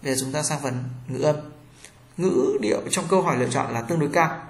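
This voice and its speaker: Echoey man teaching a language lesson. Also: a little high. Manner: reads each example slowly, then translates it. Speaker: Chinese teacher. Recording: echoey room.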